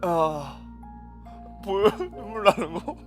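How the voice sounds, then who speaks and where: Young male panel member, raised pitch, jumpy and flustered, faint music behind. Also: lively intonation, slow pace. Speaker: show member reacting to stories. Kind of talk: casual chat.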